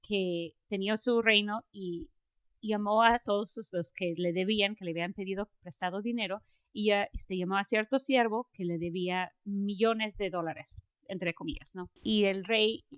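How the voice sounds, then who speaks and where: A woman hosting a faith podcast, telling a story in a lively way with frequent fillers and laughs. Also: medium pitch, normal speed, clear, resonant tone. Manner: animated storytelling, laughs often, many fillers. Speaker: podcast host. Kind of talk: casual faith conversation.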